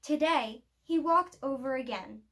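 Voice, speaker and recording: A high-voiced woman reads a children's picture book aloud as a storyteller, her phrasing expressive and deliberate.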